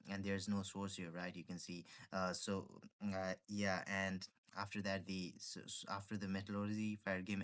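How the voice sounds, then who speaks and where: A man giving an informal software demo, hesitant and halting, often repeating his phrases. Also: on the low side. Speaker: software developer presenting a hackathon project.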